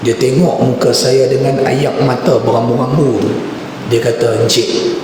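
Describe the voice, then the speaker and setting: A man's voice: medium pitch, fairly even intonation, normal speed. Echoey male preacher telling a story. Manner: conversational anecdotal storytelling. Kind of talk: religious lecture storytelling. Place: mosque hall. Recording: echoey mosque hall with background noise.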